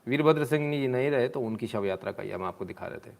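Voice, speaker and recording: A man's voice: medium pitch, animated, fast talker, gravelly, darkish tone. A man hosting a live stream, commenting sarcastically on video clips and answering viewers' comments in a mocking, scolding way.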